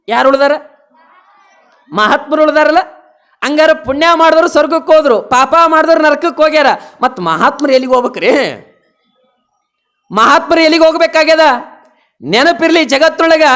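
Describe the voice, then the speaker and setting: Older male preacher with a very high voice and a North Karnataka accent, delivering a folksy sermon full of questions to the crowd. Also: fairly bright tone. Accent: North Karnataka Kannada. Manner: folksy, asks the audience questions. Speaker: pravachan preacher.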